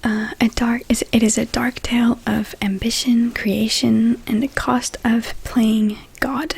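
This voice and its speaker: A woman in a whispered ASMR role-play as a librarian, whispering softly and a little hesitantly as if to a visitor in a library. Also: a little high, flat delivery, a little slow, vocal fry, breathy edge. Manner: soft whispering, hesitant, gently attentive to an imagined visitor.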